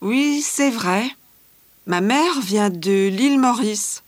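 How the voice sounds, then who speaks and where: A woman voicing a slow, clear-spoken teenage schoolgirl. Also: medium pitch, expressive, dry recording. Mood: calm chatty. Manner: measured, clearly articulated scripted delivery. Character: cheerful teenage Australian schoolgirl, fashion-loving. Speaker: interviewee. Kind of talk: scripted language-exam dialogue.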